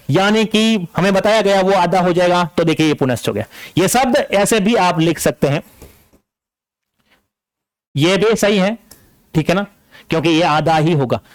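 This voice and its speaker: A man's voice: high voice, no room sound. A man teaching an exam-prep grammar lesson, stating a rule and then going back over it again and again, with frequent checks like "okay?". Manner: explains a rule, then repeats it with checks like "ठीक है ना".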